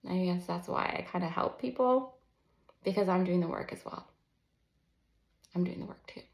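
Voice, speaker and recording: Her voice is fairly low and gravelly as this early-forties counselor and children's book author reads her own manuscript in an unscripted vlog, halting, self-conscious, candid, and a touch nervous. She sits at a desk indoors, recording live and unedited at home, with the roomy echo of an untreated room.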